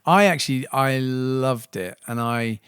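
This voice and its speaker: A man's voice: medium pitch, a little slow, fairly bright tone, smooth, dry recording, clean studio sound. A middle-aged man, co-hosting a podcast and telling stories with enthusiasm. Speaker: podcast co-host, church leader. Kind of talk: casual conversation.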